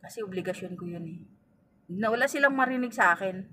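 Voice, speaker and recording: Fast, animated and pushed, her bright medium-pitched voice carries stories through a casual vlog recorded in a car. This middle-aged woman, a vlogger and family driver, addresses viewers as "guys" and acts out what people said. The sound comes from a distant mic with faint ambient noise.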